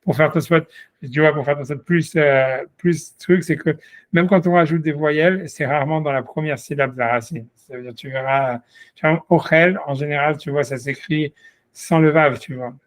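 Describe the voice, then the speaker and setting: A man's voice: a little high, steady tone, moderate pace, no echo. A man teaching Talmud one-on-one, explaining patiently with many repetitions and restarts. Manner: explains patiently, repeats "tu vois" often, hesitant restarts. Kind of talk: one-on-one study session.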